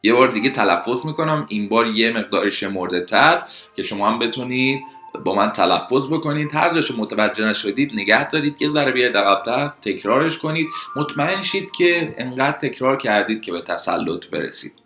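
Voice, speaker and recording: A man whose first language is Persian teaches an English lesson, drilling vocabulary slowly and clearly. His voice is bright and forward, in an echoey room with faint music underneath. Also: medium pitch, expressive. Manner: slow, clear drilling of words.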